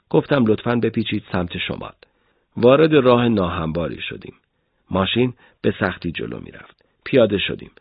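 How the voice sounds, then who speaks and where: A man with a husky voice narrating a war memoir as a scripted story in an even storytelling manner. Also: fairly low pitch, no room sound, highs cut off.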